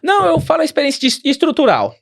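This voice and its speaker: A man's voice: very high-pitched, wildly swooping pitch, very fast, vocal fry. A man with a Brazilian Portuguese accent, a podcast guest telling a rambling travel story with many restarts. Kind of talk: casual interview.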